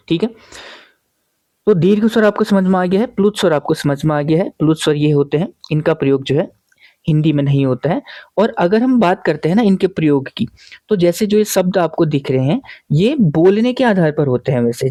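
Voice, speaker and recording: A man's voice: high voice, darkish tone, no room sound. A man teaching a grammar lesson, explaining patiently, asking questions and answering them himself, and often checking in with his listeners.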